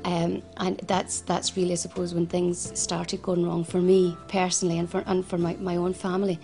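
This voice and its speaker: She's a Glasgow-accented woman in her forties who runs a financial advice service, telling her personal story in an interview with earnest restarts and repetitions. Her lowish, dark voice shows little pitch movement at normal speed, with faint music behind.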